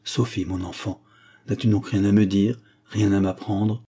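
A man reading the lines of a composed, cautious young man, in a measured, questioning way. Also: fairly low pitch, steady tone, mellow, husky.

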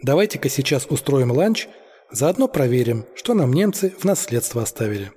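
A man voicing a stern, cautious young leader who gives firm orders, in a husky voice. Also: mid-range voice, very animated, moderate pace, mellow, in a large hall. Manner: firm, commanding.

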